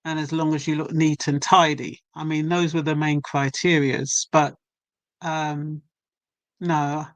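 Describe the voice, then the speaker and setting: A woman's voice: sits low, level tone, no room sound. Older woman, reflective, dry sound. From England. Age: 70s. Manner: measured, reflective storytelling. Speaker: guest poet and author. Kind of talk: casual chat.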